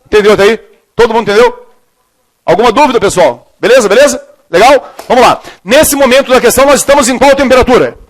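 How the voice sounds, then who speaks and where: A man's voice: very high voice, animated, fast. A middle-aged man from Brazil teaching a chemistry class, telling jokey stories and then quizzing the students. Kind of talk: classroom lecture with jokes.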